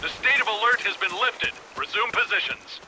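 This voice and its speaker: A man's voice: high voice, moderate pace, sharp tone, a little hiss or hum, poor audio. A man playing a commanding headquarters soldier in a video game, speaking in clipped military procedure over a field telephone radio. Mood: brisk, commanding.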